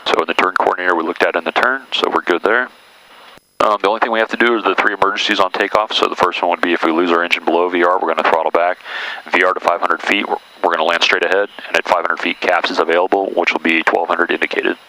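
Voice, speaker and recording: Deep, creaky-voiced male flight instructor. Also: steady tone, quick pace, pushed and bright, low-quality recording. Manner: explanatory, step-by-step. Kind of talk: informal in-cockpit instruction. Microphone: aviation headset intercom.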